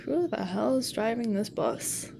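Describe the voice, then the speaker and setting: A woman's voice: on the high side, expressive, unhurried, gravelly, noisy background. A young woman chatting and giggling as she plays a farming game, with light jokes to her viewers. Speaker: gaming video host. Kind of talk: casual let's play commentary. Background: background game music.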